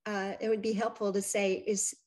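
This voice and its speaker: A woman speaks warmly and appreciatively over a video call. Her voice sits in a middle range. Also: medium pitch, little pitch movement, moderate pace.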